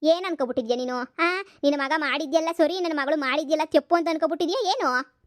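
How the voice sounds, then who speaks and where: A woman's voice: high voice, no echo, clean studio sound, lightly acted. A woman voicing a furious village mother. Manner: shouting accusations, rapid scolding. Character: angry village mother, loud and combative. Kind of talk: cartoon comedy voice acting.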